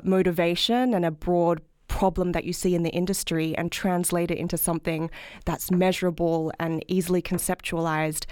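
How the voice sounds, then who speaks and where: This healthcare management researcher, an Australian woman in her thirties, gives interview answers explaining her research, articulate and explanatory with lots of "sort of." Her voice is lowish and a little mellow, recorded at studio quality with no echo.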